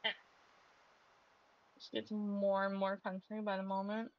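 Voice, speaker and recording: A woman's voice: medium pitch, monotone, normal speed, muffled recording. A young woman streamer giving casual, chatty, self-deprecating commentary while she plays a game, with frequent exclamations.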